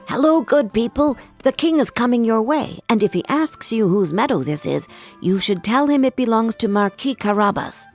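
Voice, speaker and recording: Lady doing a sly talking cat guy, bold and persuasive, pitched up high, storybook reading. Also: animated, moderate pace, faint music behind. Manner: pleading, then loud and commanding. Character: clever scheming male cat, bold and persuasive.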